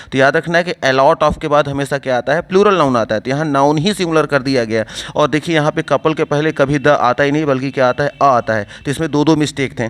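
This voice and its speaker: A man, teaching an exam-prep English lesson and explaining step by step while he asks and answers his own questions. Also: a little high.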